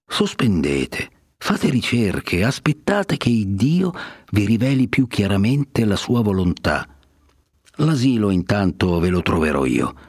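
A dignified elderly cardinal, as a male reader takes him on, in a low, unhurried voice. He admonishes with grave, measured authority, and the sound is dry and close. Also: sing-song, breathy edge, dry recording, exaggerated voice. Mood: admonishing.

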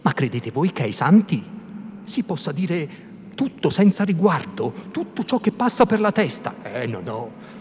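Timid, anxious old priest, put on by a male reader; fussy, hushed scolding, faint noise of a large hall. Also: on the high side, very animated, measured pace, pitched above the performer's own voice. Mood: sermonizing. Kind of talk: theatrical literary reading.

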